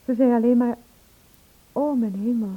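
Her voice a little high, a woman speaks at a moderate pace with fairly even intonation and only light acting. She plays a radio-drama character, a nervous murder witness who confides her unease haltingly. The sound has the tinny, narrow-band quality of an old radio broadcast.

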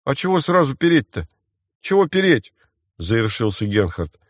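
A man's voice: mid-range voice, expressive, no room sound, clean studio sound, lightly acted. A man reading an audiobook voices a frightened, defiant boy thief who whines and snaps back. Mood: wary. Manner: squabbling, whining, quick to snap back. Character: scrappy scared boy thief, defiant and whiny.

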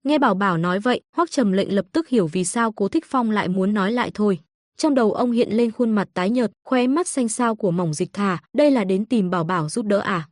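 A woman narrating a comic story in an even, steady reading. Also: mid-range voice, a little fast, dry recording, studio quality.

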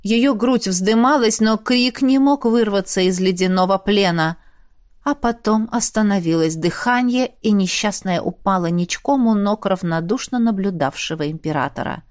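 A woman reading a fantasy novel aloud at a middle pitch. Her narration is even and steady, with a measured, unhurried storytelling pace. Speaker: audiobook narrator.

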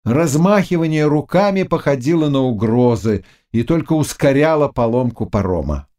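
A male audiobook narrator reading a classic novel in an expressive, dramatic way. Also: mid-range voice, normal speed.

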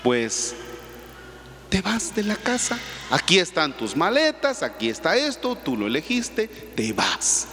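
A man's voice: fairly high pitch, wildly swooping pitch, slow, bright, forceful tone, full character voice. A man, a priest, acting out a stern wife who orders her cheating husband out of the house, in an echoing church. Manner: stern, commanding.

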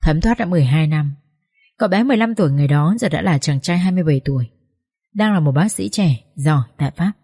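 A woman narrating a social drama audiobook in a steady, emotive storytelling manner. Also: low-pitched, fast talker, breathy edge.

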